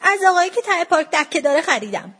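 A woman's voice: extremely high pitch, big pitch swings, sharp tone, voice pushed up, full character voice. A woman voicing a scared little boy who begs not to be punished. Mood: pleading. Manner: begging. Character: frightened pleading little boy.

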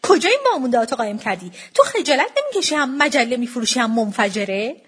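A woman voicing a loud, stubborn middle-aged mother who scolds and shouts. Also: a little high, big pitch swings, slightly rough, full character voice. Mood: scolding.

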